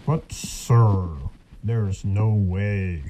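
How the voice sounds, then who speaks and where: A man's voice: lowish voice, steady tone, drawn-out words, warm tone, a little hiss or hum. A man voicing a grumpy, plodding male ox in a rhyming storybook, grumbling and drawn out.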